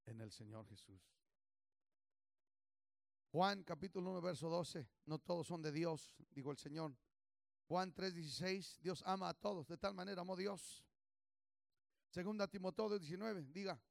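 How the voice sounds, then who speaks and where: A male pastor preaching a fervent sermon, swinging from low murmurs to shouts, leading call-and-response and slipping into English phrases. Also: vocal fry, no echo, studio quality. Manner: call-and-response, urging the congregation to repeat. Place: church service.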